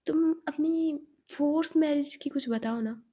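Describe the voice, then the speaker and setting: A woman's voice: high-pitched, measured pace, warm tone, voice pushed up. A woman voicing a bold, blunt young woman friend who teases and scolds in a storytelling role voice. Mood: teasing. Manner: teasing, blunt, indignant.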